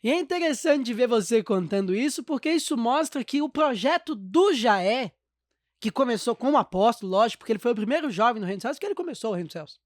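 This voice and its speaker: A man's voice: very high voice, expressive, fast. A Brazilian Portuguese-accented man hosts a church podcast interview. He reacts with enthusiasm and reflects on what his guest shares. The sound is dry and close, with no room echo. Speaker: podcast host. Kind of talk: conversational interview.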